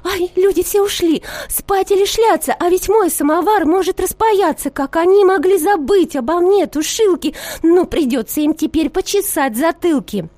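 A woman voicing a grimy, fussy female samovar snuffer who jingles and frets in a shrill voice. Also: very animated, unhurried, few pauses, no room sound, full character voice. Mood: alarmed.

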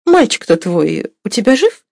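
A woman voicing a proud, playful young merchant's wife who teases in bright, raised exclamations. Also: medium pitch, sing-song, normal speed, gravelly, pitched above the performer's own voice. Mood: curious.

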